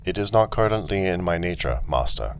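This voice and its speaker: A man's voice: low-pitched, big pitch swings, a little fast, slight background noise, pitched above the performer's own voice. A man voicing a wobbly old male automaton guard who speaks in a stiff, formal, repetitive way.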